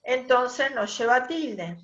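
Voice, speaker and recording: A woman's voice: on the high side, lively intonation, takes it slowly, a bit bright, dull audio. A woman teacher, explaining a grammar rule step by step in an online class and checking in with her students. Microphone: video call.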